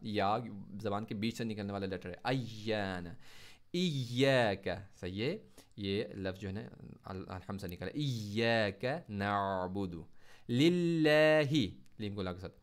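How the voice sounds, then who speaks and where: A man teaching tajweed in Urdu, reciting words slowly with stress and explaining each letter in quicker, lower asides.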